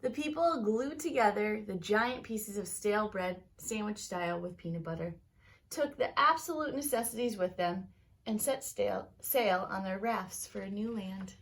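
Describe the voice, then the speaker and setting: A woman with a medium-pitched voice reads a picture book aloud to children at a normal speed. Her storytelling is expressive, and she adds short explanatory asides for her young listeners.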